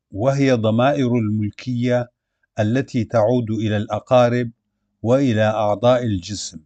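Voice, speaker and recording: A man reading a language grammar lesson in a slow, measured way, saying sounds and words one at a time like a teacher. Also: medium pitch, a little mellow, dry recording. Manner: measured, dictating word lists and pronouncing sounds one by one.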